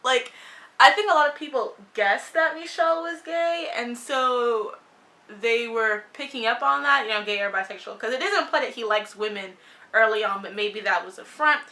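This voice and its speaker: A woman's voice: on the high side, moderate pace, pushed and bright. A young woman reviewing a TV show in casual, opinionated chat, blunt and sarcastic, swearing freely and saying "like" a lot.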